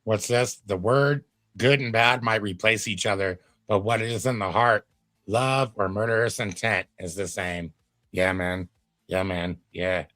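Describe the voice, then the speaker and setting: A man's voice: on the low side, fairly even intonation, measured pace, bright, forceful tone, no room sound. A man giving casual commentary on a clip as a reaction streamer, chatty and laid-back with preachy asides.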